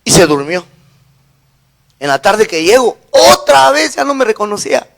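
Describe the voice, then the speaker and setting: A middle-aged pastor with a Guatemalan Spanish accent preaches a sermon, weaving in a personal story and repeatedly checking in with his congregation. His voice is high, with big swings in pitch, vocal fry and a normal speed.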